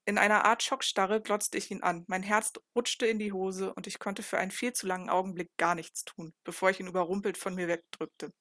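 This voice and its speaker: A woman's voice: mid-range voice, a little fast, hardly any pauses, no room sound, clean studio sound. Woman reading a novel aloud. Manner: calm, even reading with occasional small slips. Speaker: audiobook narrator. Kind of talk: first-person novel narration.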